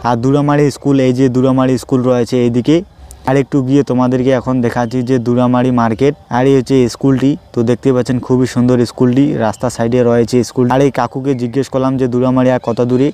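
This man, a travel vlogger from West Bengal, India, speaks quickly in a smooth, mellow medium-pitched voice that barely moves in pitch. His narration of roads and places is loose, improvised, and repetitive.

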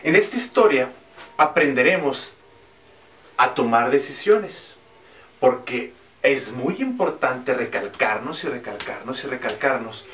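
A man's voice: on the high side, a bit bright, reverberant, far from the mic. A man telling a motivational story with an emphatic, repetitive way of speaking.

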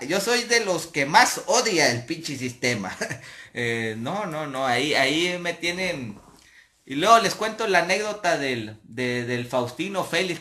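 Bright-voiced, swearing Mexican storyteller. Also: male voice, fairly high pitch. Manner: profane, animated, laughs as he talks. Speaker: comedian telling an anecdote. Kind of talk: casual storytelling.

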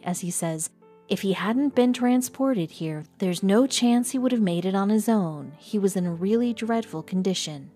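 A woman reading a scripted documentary narration in an even, measured way. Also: medium pitch. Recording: voice-over with faint music behind.

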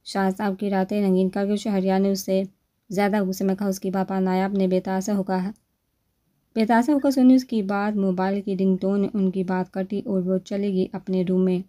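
A woman's voice: medium pitch, flat delivery, mellow. A woman narrating a romance novel aloud, lifting her voice for the characters' dialogue. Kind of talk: scripted novel reading.

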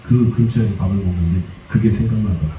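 A pastor preaching a Sunday sermon, lively, slipping into high acted voices for quoted complaints. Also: male voice, fast, slight background noise. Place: church sanctuary. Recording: dull, echoey church sound from a distance.

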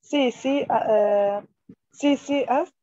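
A woman's voice: sits high, takes it slowly, mellow, no room sound. A woman student hesitantly spelling letters aloud on a video call. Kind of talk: answering in class. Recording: dull dry video call audio.

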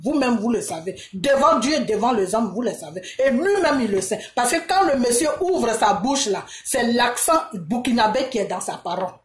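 A woman's voice: fairly high pitch, lively intonation, moderate pace, hardly any pauses. An Ivorian woman with an Ivorian French accent giving an impassioned monologue to her viewers, emphatic and full of repeated rhetorical questions. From Côte d'Ivoire. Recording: echoey room.

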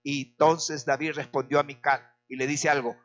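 A male pastor preaching a sermon in a church, swinging between loud cries and quiet, low remarks, hoarse from shouting. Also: little pitch movement, moderate pace, lo-fi sound, a little hiss or hum.

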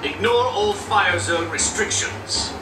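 An actor playing a stern male military commander, giving clipped orders over a radio or loudspeaker. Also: high voice, slow. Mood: commanding. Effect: orders broadcast over a radio or loudspeaker. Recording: echoey, distant, with loud game music.

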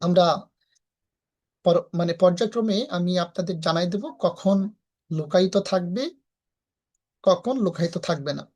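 A woman's voice: lowish voice, moderate pace, pauses often, warm tone. A woman with a Bangladeshi Bengali accent teaching Sanskrit verse pronunciation in a live class, breaking each verse into syllables and then chanting it whole.

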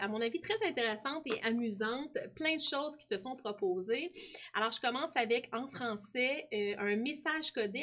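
A woman teacher in her thirties with a Québécois French accent, speaking straight to pupils in a broadcast lesson and often tagging her sentences with "hein". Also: on the high side. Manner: warm, animated, addresses pupil directly with frequent "hein". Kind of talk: addressing pupils on a school TV lesson.

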